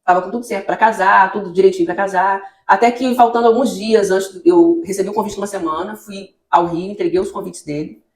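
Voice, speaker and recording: A Brazilian woman pastor who leads a children's ministry tells her testimony in a church podcast interview, acting out her own dialogue as the story unfolds. Her mid-range voice keeps fairly even intonation, moving briskly with hardly any pauses in an echoey room.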